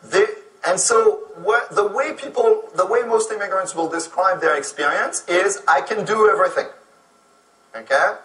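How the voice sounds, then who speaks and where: A man's voice: sits high, moderate pace, fairly bright tone, far from the mic. A man from France, a native French speaker, giving a lecture and often checking in with "okay?". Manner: explanatory, keeps asking "okay?". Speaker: speaker on immigrant employment. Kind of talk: lecture to an audience. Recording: echoey room, voice from off mic.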